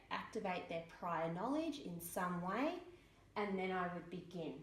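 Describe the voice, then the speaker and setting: A woman teacher talks through a spelling lesson at an unhurried pace, breaking words into single sounds. Her voice sits at a middle pitch. It rings in a roomy, echoing space. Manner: slow, deliberate, sounds words out letter by letter. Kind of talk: instructional explanation. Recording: echoey room.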